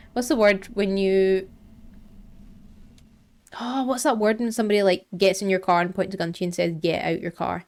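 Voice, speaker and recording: A woman's voice: mid-range voice, fairly even intonation, moderate pace, pauses often, darkish tone. Jumpy young woman playing a horror game. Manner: jumpy, nervous chatter with frequent yelps and gasps. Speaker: gaming streamer. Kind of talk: horror game let's play commentary.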